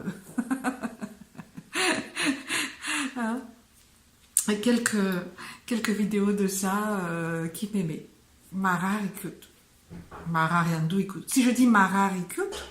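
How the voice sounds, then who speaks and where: A woman teaching phrases in French in a casual online lesson, speaking slowly with many hesitations and fillers. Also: medium pitch, echoey room. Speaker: Malagasy language teacher.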